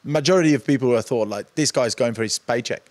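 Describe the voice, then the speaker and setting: Guy, ex-player guest, hesitant with lots of ums, mid pitch, dry sound. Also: quick pace, a little mellow, no room sound. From France. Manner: hesitant, with fillers.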